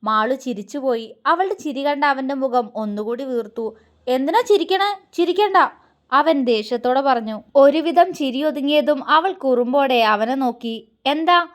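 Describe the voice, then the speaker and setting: A woman storyteller reading a romantic story aloud in a calm, even way. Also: sits high, normal speed. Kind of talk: scripted story narration.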